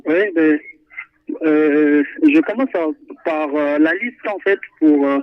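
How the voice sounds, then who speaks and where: A man calls in to a radio show for a phone-in chat about football, talking animatedly but hesitating often and repeating himself. His voice is on the high side and slow, with no echo, over a tinny phone line.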